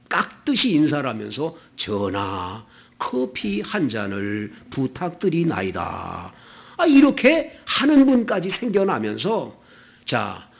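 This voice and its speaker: Man, pastor, sermon, swooping lively pitch, thin phone-like sound. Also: vocal fry. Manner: animated preaching, acting out quoted customers in character. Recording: tinny, phone-like church video audio.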